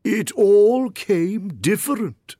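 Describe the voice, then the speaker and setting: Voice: mid-range voice, huge pitch swings, no room sound, studio quality, pitched above the performer's own voice, exaggerated voice. A performer voicing a ponderous, touchy, mournful turtle creature in a storybook, drawing the words out. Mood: thoughtful. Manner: slow, drawn-out, easily offended.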